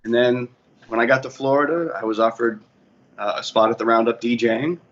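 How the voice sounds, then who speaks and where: A DJ and bar manager from the Boston area, USA, speaks as an interview guest in a mid-range, slightly bright voice, keeping a steady tone at a fairly quick pace. In a casual setting and a Boston accent, he rambles through his career story and keeps correcting himself. Faint ambient noise accompanies the muffled audio.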